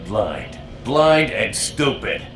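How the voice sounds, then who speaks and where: Venomous, scornful renegade captain. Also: male voice, on the low side, sing-song, drawn-out words, fairly bright tone, heavily acted. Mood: venomous contempt. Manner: venomous, contemptuous taunting. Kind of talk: video game voice acting. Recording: roomy echo, music underneath.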